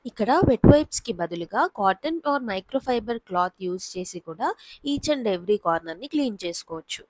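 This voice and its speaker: A woman in her thirties, a home vlogger, calmly explaining household cleaning tips in a voice-over. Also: mid-range voice, moderate pace, dry recording. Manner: calm, explanatory. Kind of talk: instructional voice-over.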